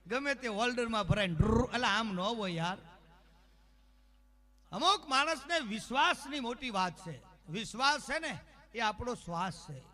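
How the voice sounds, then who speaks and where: A man entertains a live audience with comic stories, slipping into the voices of his characters. His voice sits very high and rings bright and cutting. He talks straight to the crowd through a stage microphone. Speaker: folk humorist on stage.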